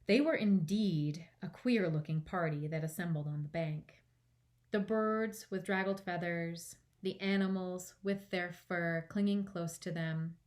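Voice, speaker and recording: Woman narrating a children's story. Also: fairly low pitch. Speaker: librarian reading aloud. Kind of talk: scripted children's audiobook narration.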